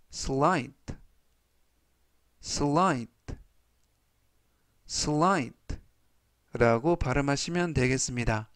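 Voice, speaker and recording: Give me a man in a slow, formal vocabulary lesson, repeating each word three times in a dry, close recording. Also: mid-range voice, dry recording. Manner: formal polite explaining. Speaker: English vocabulary teacher.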